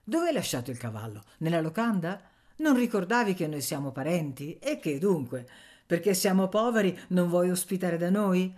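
A woman reading as a gruff old male miller who shouts and scolds, in a raised voice. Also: fairly low pitch, sing-song, normal speed. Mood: hearty. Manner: scolding, barking.

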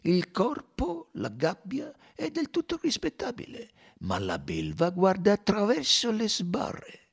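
A fussy, sharp-minded older detective, put on by a male reader, precise and musing in a raised, lilting voice. The tone swings widely and carries a gravelly, husky edge. It is an audiobook reading. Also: high voice, wildly swooping pitch, measured pace, voice pushed up, full character voice. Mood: uneasy. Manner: precise, musing, leaning into vivid images.

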